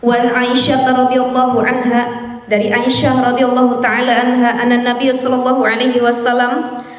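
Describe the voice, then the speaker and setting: A woman's voice: on the high side, monotone, normal speed. A woman giving an Islamic study lecture as a teacher, didactic, carefully enunciating key terms, repeating phrases and checking understanding. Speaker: religious teacher. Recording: echoey hall with long reverb.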